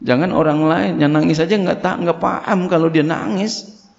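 Gravelly man teaching a religious text. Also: fairly high pitch, steady tone, moderate pace. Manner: reads Arabic text then explains it in plain Indonesian; repeats key phrases. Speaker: Islamic boarding school teacher. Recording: long reverb, dull lo-fi sound.

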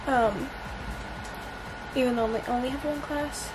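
A young woman, a college student who vlogs, chats casually to a camera held at arm's length in her small bedroom, with noticeable background noise. Her voice sits high and sounds congested, and she speaks at a measured pace with fairly even intonation while staying bubbly, upbeat, and full of fillers.

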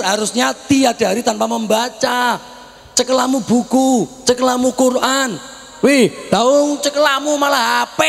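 A man preaches with a Javanese accent in a strikingly high, gravelly voice. He teases his listeners and shouts quick questions for them to answer back. The sound rings with the long reverb of a big hall. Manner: teasing call-and-response, shouting questions. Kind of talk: lively sermon to students. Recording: echoey hall recording.

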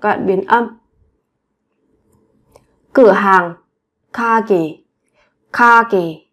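A woman teaching Korean vocabulary to Vietnamese learners, saying each word slowly and clearly and repeating it several times. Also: mid-range voice, a bit bright. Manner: slow, clear word-by-word repetition. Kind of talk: vocabulary drill lesson.

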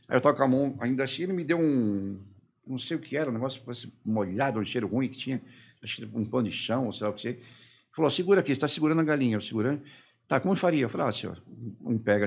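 A middle-aged man from Brazil, a podcast guest, telling his story haltingly and quoting the people who questioned him. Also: mid-range voice, expressive, creaky, husky. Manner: halting retelling, quoting his interrogators and himself. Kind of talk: personal testimony in a podcast interview.

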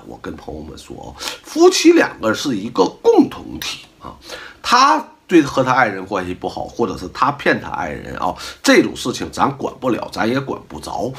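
Middle-aged male host, casual advice monologue, emphatic and lecturing, rhetorical questions throughout, very lively pitch and a bright voice. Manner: animated, full of rhetorical questions. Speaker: host giving life advice.

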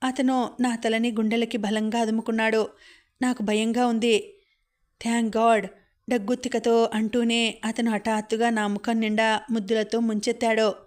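Woman reading a novel aloud in an even voice. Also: fairly high pitch, moderate pace. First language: Telugu. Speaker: audiobook narrator. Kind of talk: first-person novel reading.

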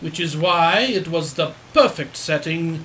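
Man playing high-voiced, lively Doctor Watson. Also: unhurried, a little hiss or hum. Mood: genial, teasing. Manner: jovial, courteous, storytelling. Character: genial, theatrical gentleman doctor telling a tale. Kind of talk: audio theatre acting.

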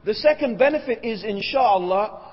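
A man's voice: high voice, lively intonation, normal speed, in a large hall, muffled recording. A man giving a religious lecture, asking rhetorical questions and checking in with his listeners. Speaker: Islamic lecturer.

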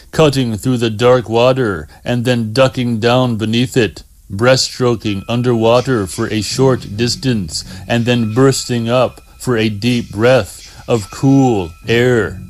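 A man narrating an audiobook in a slow, measured way. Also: medium pitch.

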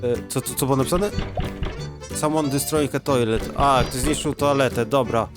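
A young man giving let's play commentary, excitable and laughing, often swearing and reading game text aloud. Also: medium pitch, normal speed, music in the background. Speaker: gaming YouTuber.

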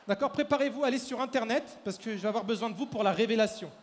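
A man performing a live mind-reading act, briskly directing the audience and volunteers on stage through a handheld microphone. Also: very high voice, slight background noise. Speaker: stage mentalist. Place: large hall at a fair. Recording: echoey hall, faint crowd ambience.

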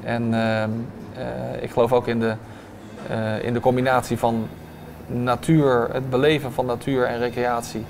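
A man in his thirties, a restaurant owner, answering interview questions with many hesitant filler sounds, recorded on a lapel mic in a bright restaurant dining room. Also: mid-range voice, flat delivery, moderate pace, vocal fry, noisy background.

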